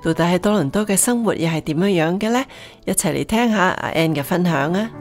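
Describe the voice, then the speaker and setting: Female radio host, low-pitched, measured and friendly, faint music bed. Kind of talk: scripted program introduction and interviewing.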